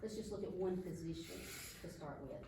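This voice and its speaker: A woman informally explaining figures at a meeting as a staff member, in a halting, explanatory way. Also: fairly low pitch. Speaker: county staff member presenting salary figures. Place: indoor meeting room, far from the mic. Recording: distant echoey room recording, clear background noise.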